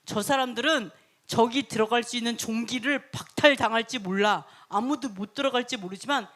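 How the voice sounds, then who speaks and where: A woman's voice: a little high, a little fast, fairly bright tone, lightly acted. A woman voicing an arrogant, stubborn male foreign king who demands and boasts.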